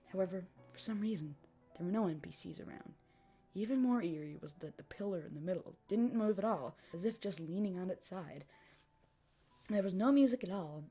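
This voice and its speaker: A woman narrating a scripted horror story, reading dramatically with phrases that tail off softly. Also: on the low side. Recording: music behind the voice. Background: music.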